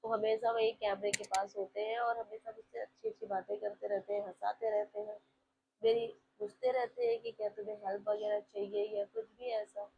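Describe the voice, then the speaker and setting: Chatty woman vlogger, gravelly voice. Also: medium pitch, lively intonation, moderate pace, a little hiss or hum. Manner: chatty, confiding, addresses viewers directly. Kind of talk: casual vlog voice-over narration. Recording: slightly dull lo-fi with faint home ambience.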